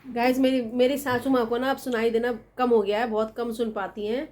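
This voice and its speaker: Chatty, teasing woman vlogger, high voice. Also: little pitch movement, fairly quick, a little mellow. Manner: chatty, teasing, laughs often. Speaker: family vlogger. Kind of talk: casual vlog chat.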